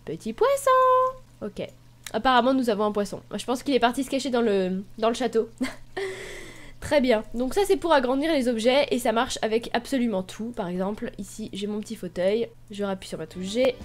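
A woman's voice: a little high, fast talker, hardly any pauses, darkish tone. Chatty young woman explaining game tricks. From Brittany, France. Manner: chatty and explanatory, spells out codes letter by letter. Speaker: gaming YouTuber. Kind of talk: screen-recorded game tutorial.

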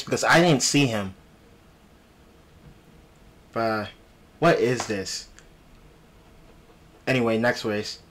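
A man giving animated, playful gameplay commentary with exclamations and trash talk, speaking with a retainer in his mouth. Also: on the high side. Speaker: gaming video host. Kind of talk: excited live gameplay commentary.

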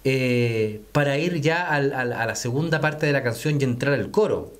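A man's voice: mid-range voice, moderate pace, soft background music. A male vocal coach explaining singing technique, speaking to viewers as friends and breaking into short sung demonstrations.

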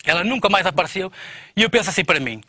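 A man's voice: very fast, dry recording. A man telling a comic story as a guest, playful and acting out voices. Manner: animated, playful, acts out voices with big pitch jumps. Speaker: comedian guest. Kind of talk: comic storytelling in a radio interview.

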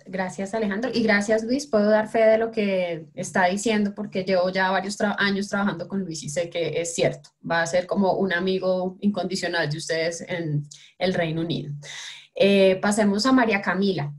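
A woman moderating a webinar Q&A on a video call, brisk and courteous as she passes the turn to each participant. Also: mid-range voice, steady tone. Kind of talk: moderating an online Q&A.

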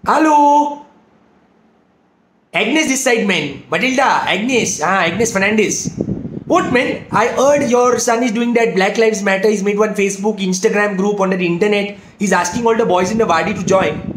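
Shrill middle-aged Bandra aunty, Mumbai Indian English, nagging and outraged, very high, roomy echo. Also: male voice, moderate pace, a bit bright, slight background noise. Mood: scolding. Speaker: comedian. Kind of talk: comic phone-call monologue.

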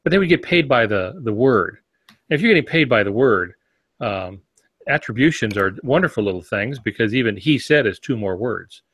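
A man's voice: medium pitch, animated, moderate pace, a bit bright, breathy edge, dry recording. A man co-hosting a podcast, chatting casually in a rambling, self-deprecating way.

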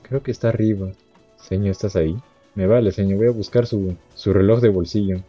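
A young man giving let's-play commentary, muttering to himself and breaking into high yelps and laughs. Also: fairly even intonation, fairly quick, mellow, no echo. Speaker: gamer. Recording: dull lo-fi sound with game music.

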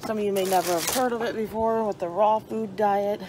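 This woman in her thirties, a dumpster diving vlogger, narrates casually and cheerfully to viewers as she films with a handheld phone, both outside by store dumpsters and at home. She speaks briskly at medium pitch with fairly even intonation over background noise.

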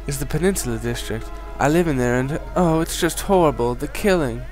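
A man's voice: medium pitch, a little fast, a little mellow, faint music behind, natural voice. A man voicing a frightened, pleading townswoman in a video game with a put-on Southern belle accent, melodramatic in manner. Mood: distressed. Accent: put-on American Southern.

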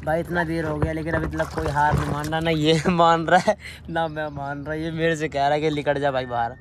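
A man's voice: a little high, level tone, a little fast. A young man with a rural north Indian Hindi accent, vlogging casually and teasing a friend on an outdoor rooftop, filmed on a handheld phone. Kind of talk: casual vlog chat. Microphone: handheld phone camera. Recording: noisy outdoor phone audio.

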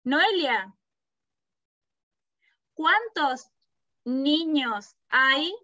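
A woman teaching a kindergarten class over a video call, asking slow, patient questions and praising the children. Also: high voice, animated, bright, forceful tone, dry recording. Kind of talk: online class with young children. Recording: dull, muffled video-call audio.

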